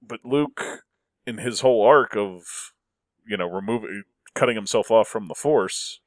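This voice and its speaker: Male podcast host, low voice, dry close sound, earnest arguer. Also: measured pace, dry recording. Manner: earnest, builds arguments, frequent restarts. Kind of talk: casual podcast chat.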